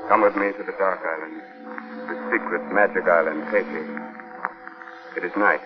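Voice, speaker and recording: An actor playing a genial but sinister horror host in the theatrical, sardonic manner of an old radio announcer. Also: male voice, low voice, fairly even intonation, moderate pace, natural voice. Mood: ominous, mocking. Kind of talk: 1940s radio horror hosting. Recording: muffled old radio broadcast, music behind.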